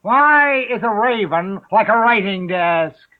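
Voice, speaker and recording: A man's voice: sits high, expressive, takes it slowly, voice pushed up. A man voicing the Hatter, an eccentric, rude, riddling man, with an abrupt, theatrical delivery. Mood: excitable. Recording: narrow phone-like sound.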